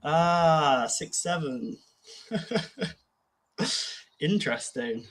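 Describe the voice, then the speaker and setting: A man co-hosting a casual podcast, easygoing and reflective, with filler pauses. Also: fairly high pitch, animated, a bit bright. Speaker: podcast co-host. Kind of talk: casual conversational podcast chat.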